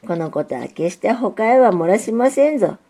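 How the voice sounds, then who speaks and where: A woman playing a booming old warehouse. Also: animated, normal speed, mellow, breathy edge. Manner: booming, teasing. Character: big gruff old warehouse, booming and jovial.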